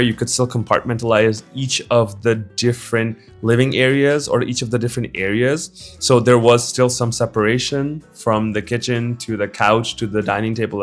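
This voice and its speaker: A young man from Bangladesh, chatting casually in a voice-over about apartments he toured. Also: mid-range voice. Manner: relaxed and chatty, casual slang. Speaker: vlogger touring apartments. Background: faint music.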